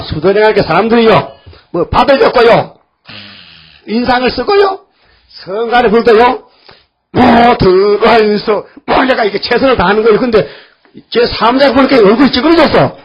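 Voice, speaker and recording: A man's voice: high-pitched, moderate pace, pauses often. An older man preaching a folksy sermon, scolding his congregation and acting out voices of biblical figures. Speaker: pastor. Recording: dull lo-fi church recording.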